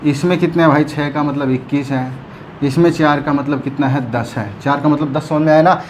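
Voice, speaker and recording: Male teacher, somewhat high voice, patient and repetitive, keeps checking in with the class, faint hiss behind. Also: steady tone, fairly quick. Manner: explains patiently, keeps checking students follow. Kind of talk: whiteboard math lesson.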